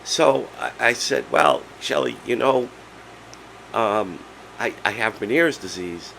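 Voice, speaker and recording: A man of sixty with laryngitis, his hoarse voice giving out as he chats casually and haltingly as a vlog host. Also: medium pitch, expressive, fairly bright tone, a little hiss or hum, poor audio. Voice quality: hoarse, breaking voice. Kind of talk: casual personal vlog, chatty storytelling.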